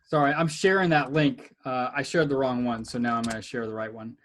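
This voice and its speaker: Man, education researcher, mid-pitched voice, earnest, measured, many ums. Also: fairly even intonation, a little hiss or hum. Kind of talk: casual panel discussion.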